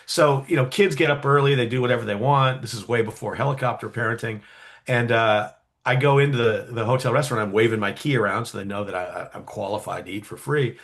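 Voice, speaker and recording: A man's voice: medium pitch, fast talker. Chatty man telling a childhood story. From California, USA. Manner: animated, acts out quoted voices, frequent fillers. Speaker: guest storyteller. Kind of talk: casual storytelling interview.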